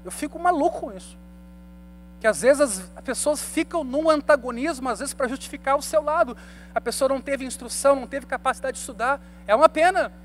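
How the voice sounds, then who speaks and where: A man's voice: extremely high pitch, fairly quick, fairly bright tone, a little hiss or hum. A man in his thirties, a pastor giving a conversational Bible study sermon and asking the congregation rhetorical questions. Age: 30s.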